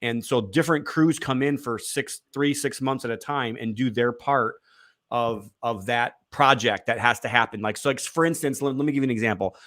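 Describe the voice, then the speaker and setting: A man's voice: medium pitch, moderate pace, a bit bright. A man as an interview guest, rambling casually with many fillers and restarts.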